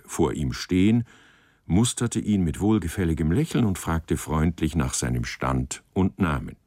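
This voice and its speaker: A man reading a literary story aloud in a measured, expressive manner. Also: extremely low pitch, no echo, clean studio sound. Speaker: narrator. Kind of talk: audiobook narration of a literary story.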